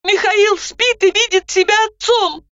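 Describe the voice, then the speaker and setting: A woman voicing a frightened young pregnant woman who pleads in a high, panicky voice, on a dull lo-fi recording. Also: unhurried, fairly bright tone, no echo. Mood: anxious. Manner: shrill, panicky, lisping out protests.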